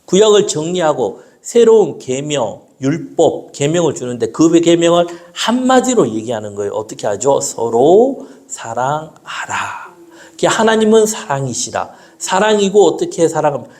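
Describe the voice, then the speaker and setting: A middle-aged man preaching a sermon. He keeps asking the congregation questions and answering them himself, and he slows down when he quotes scripture. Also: fairly high pitch, big pitch swings, a little mellow. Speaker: pastor.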